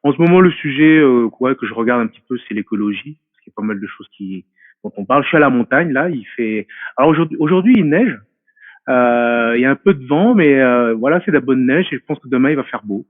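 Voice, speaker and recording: A man's voice: mid-range voice, animated, quick pace, dry recording. Hesitant man on a tinny line. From France. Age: 40s. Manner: hesitant and reflective, many fillers and restarts. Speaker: guest. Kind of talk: casual interview talk. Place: remote call from a mountain home. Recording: tinny dry phone-like line.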